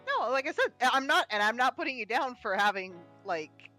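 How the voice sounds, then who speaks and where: A woman's voice: a little high, very animated, fairly quick, bright, forceful tone, faint music behind, low-quality recording. A woman hosting a game stream in casual chat, playful and giggly, grumbling now and then. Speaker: streamer host.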